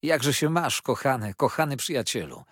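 A man's voice: medium pitch, animated, normal speed, a bit bright, no room sound, clean studio sound, pitched above the performer's own voice. A man voicing an effusive young male lawyer who gushes and fires off questions, as a storybook reader. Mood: overjoyed. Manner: gushing, breathless, showers questions.

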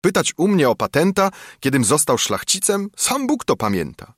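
Man playing boastful princely noble, defiant, high loud voice, dry. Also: huge pitch swings, normal speed, dry recording.

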